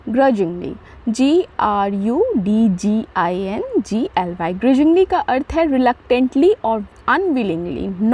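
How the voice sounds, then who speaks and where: A woman teaching vocabulary in a slow, explanatory way, spelling words out letter by letter and answering her own questions. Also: high-pitched, a little mellow. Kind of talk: vocabulary lesson.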